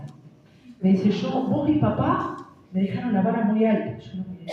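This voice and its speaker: A middle-aged woman pastor from Argentina with a Rioplatense Spanish accent, preaching a sermon of personal testimony, swinging between hushed and loud. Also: mid-range voice, highs cut off, a little hiss or hum. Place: church hall. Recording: echoey church hall from far off.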